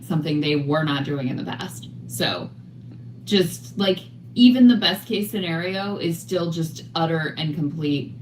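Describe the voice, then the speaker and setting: A woman's voice: sits low, roomy sound, slight background noise, low-quality recording. A woman in casual political chat, scathing and emphatic as she lays out her analysis.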